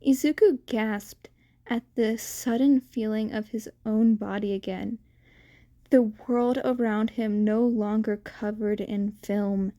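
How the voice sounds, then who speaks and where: Woman narrator for a fan podfic, casual reading, slow and mellow. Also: mid-range voice, steady tone. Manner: casual, slightly stumbling reading. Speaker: fanfiction reader.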